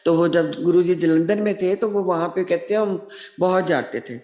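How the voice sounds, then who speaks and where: A woman's voice: lowish voice, normal speed. A middle-aged woman sharing a devotional testimony as spoken storytelling, acting out quoted dialogue and repeating devotional refrains. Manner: animated storyteller who acts out quoted dialogue. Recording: echoey room.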